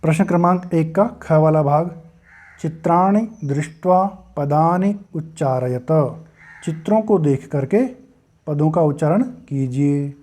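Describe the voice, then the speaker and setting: A male teacher going through a textbook exercise in a slow recorded lesson, patiently saying each word and spelling it out letter by letter. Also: on the high side, dark tone.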